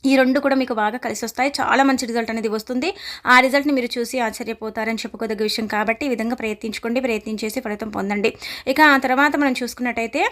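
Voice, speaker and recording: Woman reading a horoscope forecast, quick talker, kinda high voice, lots of fillers. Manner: steady advice-giving, frequent verbal fillers. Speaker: astrologer.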